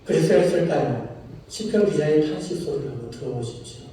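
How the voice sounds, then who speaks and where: Male preacher, high mellow voice, storytelling sermon, far from the mic in a very echoey church. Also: expressive, brisk, a little hiss or hum. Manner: storytelling, asks congregation questions. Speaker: pastor. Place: church sanctuary. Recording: roomy hall, from far off.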